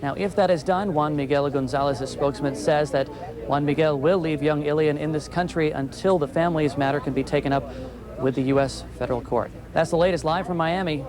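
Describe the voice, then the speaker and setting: Speaking briskly in a fairly high voice, a man reports live for television from a city street. Crowds and traffic can be heard behind this outdoor broadcast.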